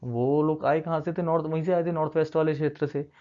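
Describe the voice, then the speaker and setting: Talking fast in a slightly high voice with little pitch movement, a male teacher leads children through a map in a recorded classroom lecture. He mixes in English terms and coaxes the kids, checking in with them again and again; the sound is dull and lo-fi.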